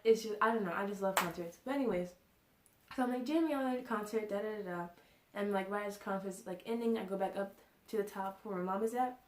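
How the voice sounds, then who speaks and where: A woman's voice: mid-range voice, fast, slight background noise. Chatty young woman in a roomy room. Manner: chatty, many fillers, laughs often. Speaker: vlogger. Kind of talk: casual storytime. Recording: roomy echo.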